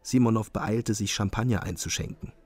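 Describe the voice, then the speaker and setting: A man narrating a radio drama in the first person, with a brooding, bitter manner and a husky voice. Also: fairly low pitch, fairly even intonation, normal speed, darkish tone.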